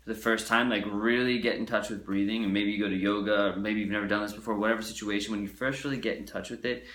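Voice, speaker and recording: A man's voice: on the low side, fairly even intonation, fast, a bit bright. Casual, profane man teaching singing in an echoey room. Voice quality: loose and profane, acts out timid and bold voices. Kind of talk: casual video lesson. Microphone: camera mic he handles.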